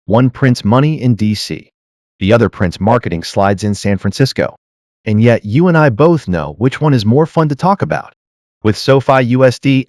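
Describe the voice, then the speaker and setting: A man with a mid-pitched voice delivers scripted parody news anchor narration. He presents in a mock-serious, comedic way, setting up punchlines like a show host. The sound is dry and close, with no room echo. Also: darkish tone.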